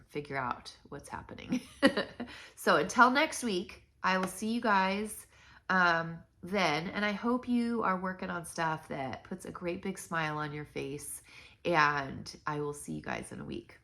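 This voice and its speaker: Stuffy-nosed middle-aged woman with gravelly voice. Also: deep voice, bright, forceful tone. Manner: rambling, chatty, with many ums and self-corrections. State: stuffy, nasal from blocked sinuses. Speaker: knitting channel host. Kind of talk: casual chat to viewers.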